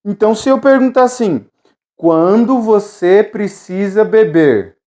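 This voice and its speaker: A Brazilian woman teaching English in an online video lesson, drilling phrases with steady repetition and moving between Portuguese and English. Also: mid-range voice, a little slow. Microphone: camera with ring light.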